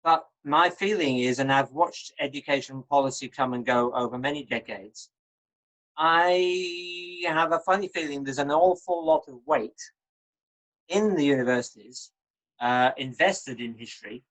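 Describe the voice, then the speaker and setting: A man's voice: a little high, a bit bright, low-quality recording. Older man lecturing online. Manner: measured, encouraging, teacherly. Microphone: video call.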